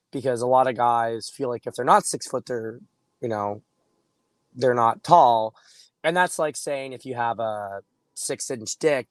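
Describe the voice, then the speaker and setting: A man hoarse with laryngitis, sounding muffled, gives casual coaching advice in deliberate, emphatic phrases, now and then clearing his throat. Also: medium pitch, dry recording. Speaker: dating coach and host. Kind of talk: casual straight-to-camera advice talk.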